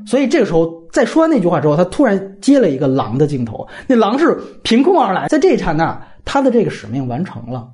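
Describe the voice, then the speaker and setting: Animated man in a film-talk podcast. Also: high-pitched, fast, few pauses. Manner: animated, explains at length, acts out quoted lines. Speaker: podcast host, film critic. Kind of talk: casual film discussion.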